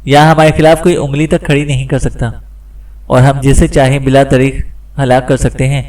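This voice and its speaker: A man's voice: medium pitch, little pitch movement, normal speed, darkish tone, distant mic, natural voice. A man voicing a frightened, captured male gang section chief in an audiobook, hesitant and stammering. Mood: scared.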